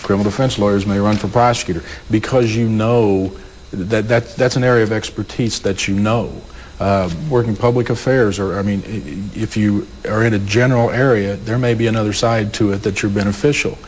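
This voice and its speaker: A man's voice: on the low side, fairly even intonation, a little fast, a little mellow, a little hiss or hum, poor audio. A man, a state legislator and former prosecutor, explaining his views on a panel, often repeating words as he thinks. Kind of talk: panel discussion.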